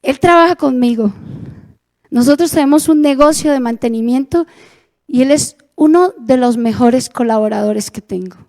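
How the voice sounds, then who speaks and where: A woman's voice: high-pitched, normal speed, a little mellow. A Colombian woman preaching a sermon, telling a testimony earnestly and acting out the dialogue. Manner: earnest storytelling, acts out dialogue.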